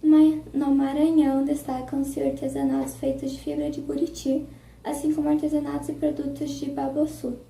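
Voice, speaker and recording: A woman student reading a prepared school text aloud in a flat, monotone way. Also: high voice, normal speed, gravelly, a little hiss or hum. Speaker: student presenter. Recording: roomy, distant recording.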